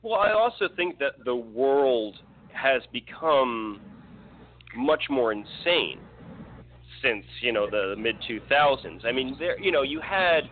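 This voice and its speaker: A man's voice: mid-range voice, sing-song, slow pace. A man in casual political chat, rambling with restarts and fillers. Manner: rambling, many restarts and fillers, laughs often. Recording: tinny phone-like line with faint noise.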